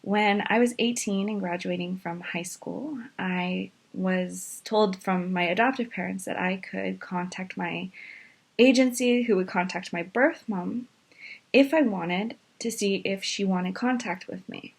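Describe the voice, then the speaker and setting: A woman's voice: medium pitch, creaky, slightly rough. Chatty woman in her twenties. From Maine, USA. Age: 20s. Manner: animated, with fillers and quick rushes. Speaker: adoptee telling her story. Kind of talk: casual personal storytelling.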